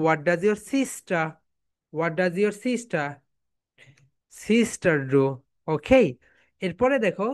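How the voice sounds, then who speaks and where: Teacher, woman; slow, repetitive drilling, mixing Bengali and English. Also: mid-range voice. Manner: drills phrases slowly, repeating, with students chanting along. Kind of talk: online classroom lesson.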